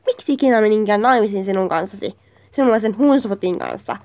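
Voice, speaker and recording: A young female performer playing an angry wife in a home-made comedy skit, shrill and scolding. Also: a little mellow, lightly acted. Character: angry quarrelsome wife, adult woman.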